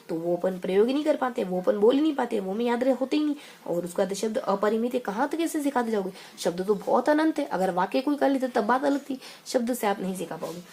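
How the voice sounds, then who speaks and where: A woman teaching an exam-prep lesson in a chatty way, repeating phrases and throwing in quick asides. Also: mid-range voice, a little mellow, husky.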